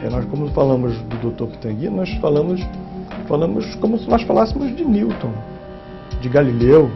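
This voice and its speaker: A man, a doctor in an interview, speaks in a fairly high, creaky and lively voice. Music plays clearly behind him. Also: normal speed. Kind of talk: unscripted interview praise. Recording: dull sound with music behind.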